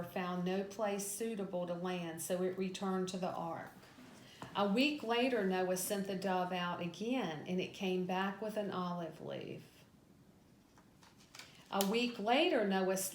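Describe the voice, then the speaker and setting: A woman Sunday school teacher reads a scripted Bible story lesson aloud in a storytelling delivery. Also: on the low side. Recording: echoey room with background noise.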